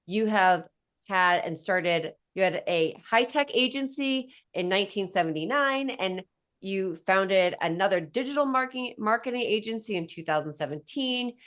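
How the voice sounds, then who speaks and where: A woman's voice: mid-range voice, animated, normal speed, fairly bright tone. A woman with a Boston accent hosting a podcast interview, effusive and enthusiastic, rambling a bit as she introduces her guest. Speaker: podcast host. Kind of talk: casual interview chat.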